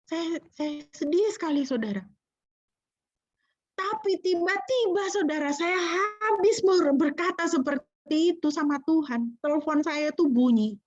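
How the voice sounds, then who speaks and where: A woman's voice: sits high, unhurried, a little mellow, no room sound, dull audio. Middle-aged woman pastor, storytelling sermon. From Indonesia. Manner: storytelling, acting out quoted speech, emotional emphasis.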